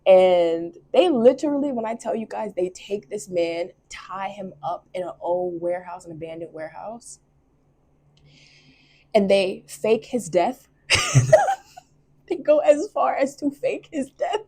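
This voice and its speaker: A woman's voice: mid-range voice, measured pace, mellow, slightly rough. A young woman who reads tarot, talking casually and expressively and laughing often. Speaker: tarot reader. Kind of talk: casual chat.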